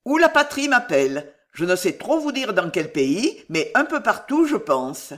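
A reader voicing an excitable, jovial one-armed man who talks in loud exclamations. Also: medium pitch, unhurried. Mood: earnest. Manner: exclamatory, lively.

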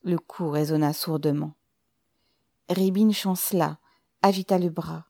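A woman narrating a novel in a measured, even storytelling manner. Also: sits low, creaky, dry recording, studio quality. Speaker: audiobook narrator.

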